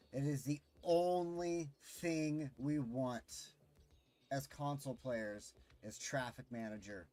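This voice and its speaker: A man streaming a city-building game, delivering an impassioned, pleading rant with swearing. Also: on the high side. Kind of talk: ranting gameplay commentary.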